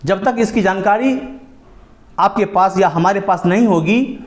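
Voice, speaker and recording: A man with a high-pitched voice teaches pronunciation in an unhurried, deliberate lesson. He spells words out letter by letter and repeats each rule, letting his phrases fall at the ends.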